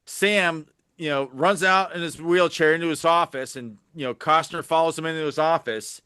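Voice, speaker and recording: A man summarizes a film plot on a podcast, keeping a steady pace and filling gaps with "you know". His voice is fairly high and sharply bright. The recording is dry and close to the mic. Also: moderate pace, clear, resonant tone, no room sound. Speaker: podcast co-host. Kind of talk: casual film discussion.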